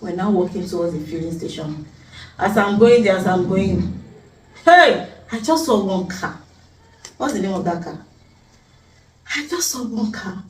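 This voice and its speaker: Animated Nigerian woman telling a story. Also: mid-range voice, measured pace, long pauses, recorded from a distance. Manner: animated, dramatic, teasing, pidgin-laced. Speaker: vlogger. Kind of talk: casual storytelling chat. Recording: echoey room, off-mic, faint hum.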